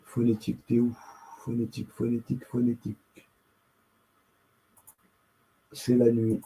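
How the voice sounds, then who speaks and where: A man talks very slowly, drawing out his words, then drops into muttering asides to himself as he searches on his screen. His casual host chatter wanders and keeps restarting, broken by sudden emphatic bursts. His voice sits at an ordinary, middle pitch for a man. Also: monotone, creaky, dark tone, rough recording. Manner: rambling, self-interrupting, mutters to himself while searching. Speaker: YouTube host. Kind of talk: casual screen-share commentary.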